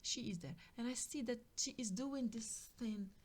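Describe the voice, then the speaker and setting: A woman's voice: a little high, moderate pace, darkish tone. A woman giving a spiritual tarot reading, musing and repeating herself, now and then dropping into a whisper. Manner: musing, repetitive, drops into whispers. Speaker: tarot card reader.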